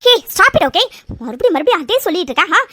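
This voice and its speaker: A woman's voice: extremely high pitch, big pitch swings, quick pace, sharp tone, heavily acted. A woman voicing an outraged young heroine in a cartoon dub, scolding and indignant. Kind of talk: Tamil cartoon fan dub.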